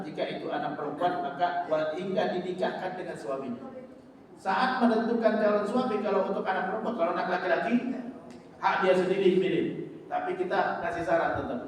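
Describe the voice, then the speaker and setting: A man giving a religious study lecture, talking conversationally and acting out quick exchanges between husband and wife. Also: a little high, slight background noise. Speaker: Islamic teacher. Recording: echoey hall from far off.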